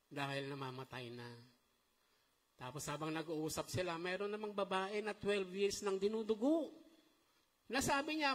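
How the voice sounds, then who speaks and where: A middle-aged man preaching in a church hall with a high, lifted voice. He keeps the delivery animated and turns to the congregation for responses. A long reverb trails behind every phrase. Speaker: pastor. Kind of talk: sermon.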